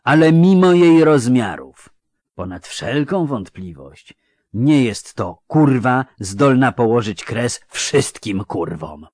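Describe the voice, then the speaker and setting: A male narrator voicing a solemn, knowing older male dwarf who speaks gravely and with emphasis. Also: mid-range voice, expressive, unhurried, no room sound, clean studio sound, pitched above the performer's own voice, close to an everyday voice.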